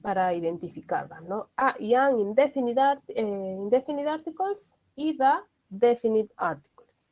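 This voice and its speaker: A woman's voice: a little high, expressive, moderate pace, a little mellow. A woman teaching an English grammar lesson, explaining patiently and checking understanding with frequent tag questions.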